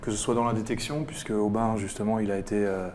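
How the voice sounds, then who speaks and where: A man in his thirties, a rugby coach, answering interview questions on the radio with many pauses and restarts. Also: fairly low pitch, steady tone, a little mellow, slight background noise. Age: 30s. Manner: hesitant, many fillers and restarts.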